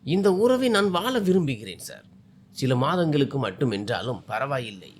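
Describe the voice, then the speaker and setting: A man's voice: mid-range voice, sing-song, moderate pace, breathy edge, voice pushed down. A man voicing a hurt, stubborn young woman in a spoken story, speaking sharply through tears. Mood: pleading.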